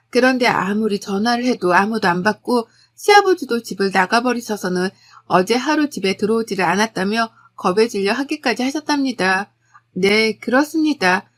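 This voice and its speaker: Story narrator, female, slightly high voice, gossipy and confiding, scripted read. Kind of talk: scripted first-person narration.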